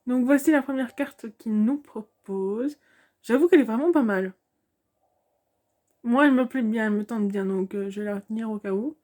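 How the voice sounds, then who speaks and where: A woman's voice: on the high side, moderate pace, a little mellow. A young woman giving casual commentary on a video game, hesitant and thinking aloud with many fillers.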